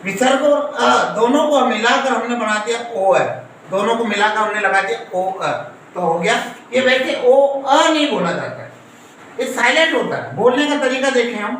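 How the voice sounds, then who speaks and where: A man's voice: very high-pitched, a bit bright. A male teacher giving a classroom grammar lesson, explaining step by step and quizzing his students. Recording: echoey room, distant mic, faint hiss.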